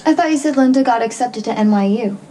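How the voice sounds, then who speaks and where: This is a woman playing a chatty young neighbor who keeps digging with eager questions. Her voice sits a bit higher than most. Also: fast talker, dark tone, a little hiss or hum, natural voice. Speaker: nosy neighbor taking piano lessons. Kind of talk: daytime soap opera acting.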